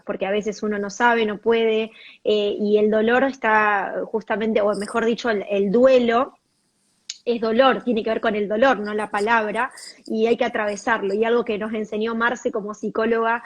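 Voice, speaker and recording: A woman's voice: medium pitch, flat delivery, normal speed, muffled recording. A woman hosting a conversational interview, affirming her guest and talking in loose restarts. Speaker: host.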